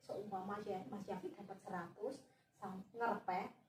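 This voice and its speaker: A woman's voice: mid-range voice, fairly even intonation, moderate pace, a little mellow. A woman playing a school counselor, patiently explaining things step by step with examples. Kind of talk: acted counseling role-play. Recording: echoey room, far mic, noisy.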